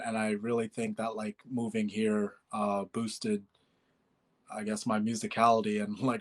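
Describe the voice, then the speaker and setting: A man in his twenties from Bangladesh, a musician guest chatting casually in an interview, with many fillers and easy laughs. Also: fairly low pitch. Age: 20s.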